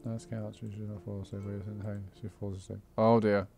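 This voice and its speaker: A man's voice: on the low side, little pitch movement, fairly quick, creaky, music in the background. A man hosting a gaming video, reading a story game aloud with casual commentary and a sleepy, yawning manner, skimming text with "blah blah.". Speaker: gaming channel host.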